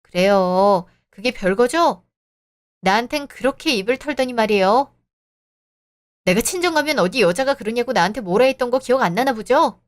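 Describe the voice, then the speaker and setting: A woman's voice: on the high side, lively intonation, normal speed, lightly acted. Woman voicing a defiant young daughter-in-law. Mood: cutting. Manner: cold, cutting retorts. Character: young married woman, sharp-tongued, defiant. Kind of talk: scripted audio drama.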